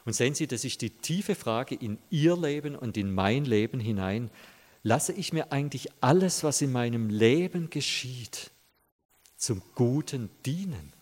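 A man preaching a sermon in an earnest storytelling manner. He speaks to his listeners directly, at a medium pitch. His voice rings with the long reverb of a large church hall. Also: animated, unhurried, a little mellow.

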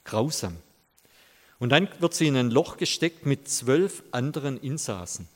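A man's voice: mid-range voice, animated, a little slow. A man preaching a sermon, telling a story earnestly and speaking directly to his listeners. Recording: long hall reverb.

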